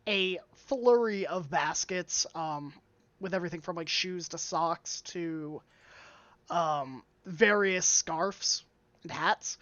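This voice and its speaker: A woman's voice: mid-range voice, no echo, dull audio. A woman narrating as game master, describing scenes in a casual style full of fillers.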